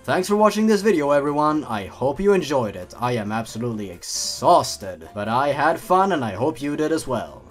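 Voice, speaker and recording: A man's voice: mid-range voice, very animated, moderate pace, few pauses, soft background music. A man hosting a comedic reading of a badly written horror story, breaking in with sarcastic, mocking asides. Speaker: YouTube host. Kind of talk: comedic creepypasta reading with commentary.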